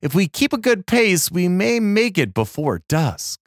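A man's voice: sits high, big pitch swings, a little slow, no echo, studio quality, pitched above the performer's own voice, full character voice. A man voicing a lanky male traveler who grumbles and complains, with a growling delivery, in a storybook reading. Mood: weary.

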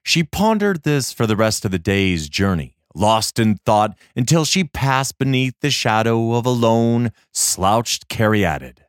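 A male audiobook narrator telling a fantasy story with measured, dramatic delivery. He takes his time, and his pitch moves expressively through every line. The recording is dry and close. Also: sing-song, clean tone, no echo. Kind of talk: scripted narration.

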